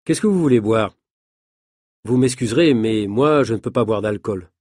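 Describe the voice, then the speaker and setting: A man voicing a confident daredevil stuntman in a storybook reading, husky and self-assured. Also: mid-range voice, expressive, normal speed, darkish tone, dry recording, clean studio sound, close to an everyday voice. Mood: breezy.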